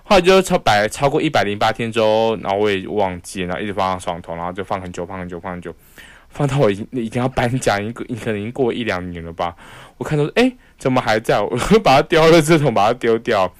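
A man's voice: fairly low pitch, fast talker, no echo. A young man with a Taiwanese Mandarin accent, casually telling a personal story on a podcast and acting out the voices he quotes. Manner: animated, acts out quoted voices. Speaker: podcast host.

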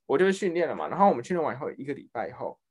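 Animated fast-talking Taiwanese man. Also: slightly rough. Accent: Taiwanese Mandarin. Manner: animated, acts out quoted people with big pitch jumps. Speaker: podcast co-host. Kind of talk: casual storytelling chat.

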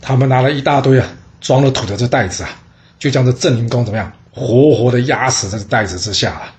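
A man's voice: medium pitch, quick pace. Man telling an ancient history tale. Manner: lively, asks and answers his own questions. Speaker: storyteller. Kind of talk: casual history storytelling.

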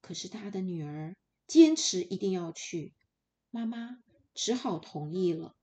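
Woman storyteller for a kids' podcast, slow and mellow, very expressive. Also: lowish voice. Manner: expressive, playful, addressing children. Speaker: children's storyteller. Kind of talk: children's story narration.

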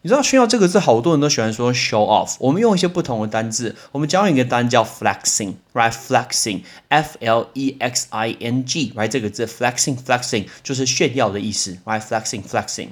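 A man hosts a casual English vocabulary podcast. He tells stories with lively energy and slows right down to repeat each new word for his listeners. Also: medium pitch. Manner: lively storytelling, repeats English words slowly for drilling.

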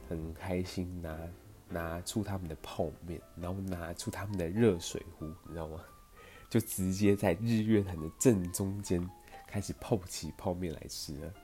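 A man's voice: sits low, dark tone. A young man with a Taiwanese Mandarin accent, telling a personal story in a chatty, meandering podcast style full of fillers. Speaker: podcast host.

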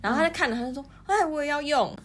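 A woman, co-hosting a podcast. She tells childhood stories expressively, laughing along and reacting quickly, with music behind her. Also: sits high, expressive, a little hiss or hum. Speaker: podcast co-host. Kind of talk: casual storytelling chat.

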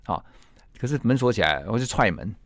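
A man with a Taiwanese Mandarin accent, a guest on a radio interview, telling a story with lively acted-out quotes. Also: fairly low pitch, fairly quick, no room sound, clean studio sound. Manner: animated storyteller who acts out quoted lines.

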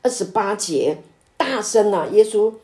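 A woman pastor leading a conversational Bible study, speaking with many drawn-out fillers and hesitations and rising to emphatic exclamations. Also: medium pitch, lively intonation, dark tone.

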